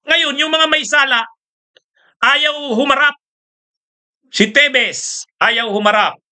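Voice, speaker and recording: A man's voice: very high-pitched, slow, sharp tone. A man hosting casual political commentary, mocking and rhetorical, laughing often between points.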